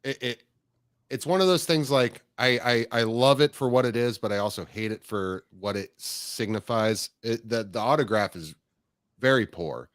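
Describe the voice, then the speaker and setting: A middle-aged man hosting a podcast, chatting casually and telling lively stories, acting out what people said. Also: mid-range voice, normal speed, dry recording, studio quality. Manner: animated storyteller, acts out quotes. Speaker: podcast host. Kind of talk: casual chat.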